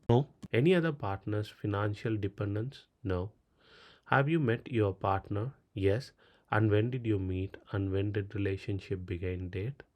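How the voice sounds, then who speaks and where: This tutorial presenter's voice sits on the low side and is a little mellow. A native Tamil speaker with a Tamil Indian accent, he narrates a screen recording step by step in a clipped style, reading questions aloud before answering them.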